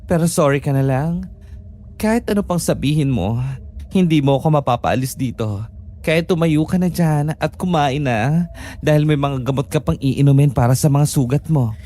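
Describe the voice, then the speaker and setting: Actress as a sassy young nurse, low mellow voice, teasing and unafraid. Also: female voice, slight background noise, close to an everyday voice. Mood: stubborn. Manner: teasing, sassy, quick comebacks. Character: cheeky, fearless young female private nurse. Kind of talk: audio drama acting.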